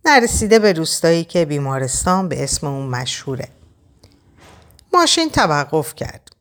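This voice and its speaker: A woman narrating a first-person story aloud, expressive and tense. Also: sits low. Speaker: audiobook narrator.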